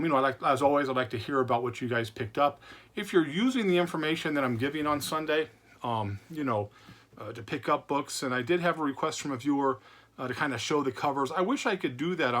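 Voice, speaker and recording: A man's voice: mid-range voice, fairly bright tone. A man hosting a casual vlog, rambling in a chatty way with repeated words and many fillers. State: recovering from illness. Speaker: comic book channel host. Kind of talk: casual chat to camera.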